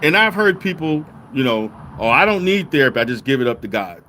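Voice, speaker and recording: A man's voice: medium pitch, big pitch swings, a little fast, sharp tone, a little hiss or hum. Louisiana-raised man, emphatic with many restarts. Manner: repetitive restarts, emphatic "okay?" check-ins. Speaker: therapist. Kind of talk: casual commentary to viewers.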